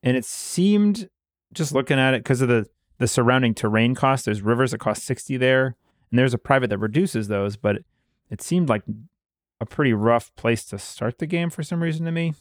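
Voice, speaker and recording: A man's voice: medium pitch, dry recording, clean studio sound. Man explaining game rules casually. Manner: explanatory, pauses with fillers while recalling details. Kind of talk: casual board game discussion.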